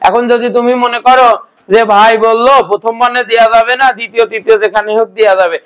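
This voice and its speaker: A man's voice: very high-pitched, fairly even intonation, fast talker, a bit bright, clear, resonant tone, low-quality recording. A young man teaching a grammar class, lecturing and quizzing his students with repeated questions.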